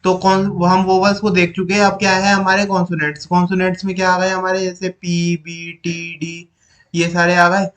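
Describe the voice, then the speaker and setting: A male teacher explaining phonetic symbols from his notes, repeating each sound slowly and going through them one by one. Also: sits high, completely flat delivery, fairly bright tone, faint music behind.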